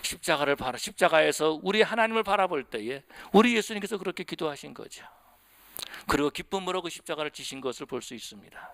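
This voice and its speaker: A man's voice: fairly high pitch, expressive, quick pace, vocal fry, fairly bright tone, dry recording. A man preaching a sermon, impassioned, acting out pleading prayers. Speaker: pastor.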